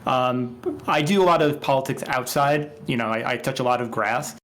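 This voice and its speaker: A man's voice: mid-range voice, moderate pace, a bit bright. A man introducing himself as a progressive activist on a stream panel, casual and rambling.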